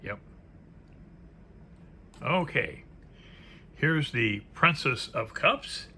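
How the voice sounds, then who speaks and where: With a mid-range voice that's bright and forceful, a man presents a tarot deck at an extremely slow pace. He's animated, musing aloud in casual, unscripted commentary and fading into murmured asides, over faint background noise.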